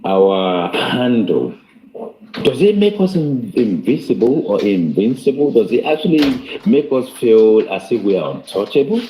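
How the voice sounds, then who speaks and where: A man's voice: mid-range voice, very animated, measured pace, dark tone, reverberant, a little hiss or hum, low-quality recording. A man hosting a discussion, encouraging his guest and leading with questions. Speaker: host. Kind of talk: casual discussion.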